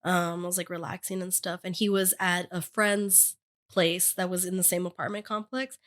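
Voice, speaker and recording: A woman's voice: fairly low pitch, moderate pace. A young woman co-hosting a podcast in casual chat, telling stories with lots of swearing and laughter. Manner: swearing, laughing, animated storytelling. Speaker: podcast co-host.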